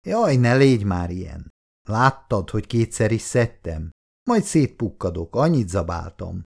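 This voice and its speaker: A man reading an audiobook voices an easygoing man who talks in a gentle, coaxing way. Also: on the low side, sing-song, creaky, full character voice.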